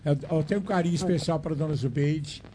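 A man's voice: fairly high pitch, fast talker, dark tone, slight background noise. An older Brazilian man hosting a radio talk show, chatting fondly with callers and adding preachy asides. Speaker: radio host.

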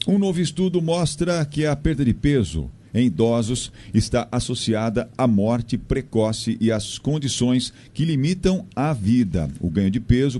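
A male radio news presenter from Brazil reads the items at an even pace. His voice is dark and mellow and sits in a middle pitch range. He stays steady and slips in only the odd filler. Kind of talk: read news bulletin.

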